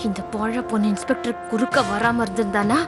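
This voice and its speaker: Brief: actress as a greedy schemer muttering curses to herself, slightly high voice, loud TV-serial score underneath. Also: female voice, steady tone, fairly quick, loud music behind the voice, close to an everyday voice. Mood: bitter muttering. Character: scheming woman cursing a thwarting inspector. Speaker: character in a TV serial. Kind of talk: TV serial acting. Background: loud dramatic background score.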